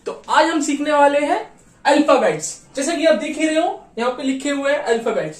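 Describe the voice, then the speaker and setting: A man teaching a beginners' lesson, patiently repeating each sound slowly. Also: very high-pitched, lively intonation. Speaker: language teacher. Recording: echoey room, mic far off.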